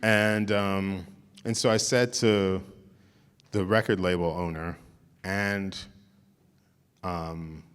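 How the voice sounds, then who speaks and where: Low-voiced man telling stories in a hall. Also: fairly even intonation, takes it slowly, pauses often, clear, resonant tone. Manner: informal, restarts often, says "like" a lot. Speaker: visiting artist giving a talk. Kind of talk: storytelling lecture to an audience.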